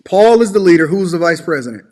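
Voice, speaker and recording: A man's voice: high voice, animated, fast talker, a little mellow. An American man hosting a call-in show, questioning his caller in a probing, persistent way and often cutting in.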